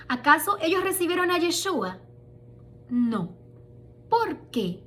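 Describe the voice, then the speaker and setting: A woman's voice: high voice, sharp tone. A woman preaching a sermon, asking rhetorical questions and reading scripture with emphasis.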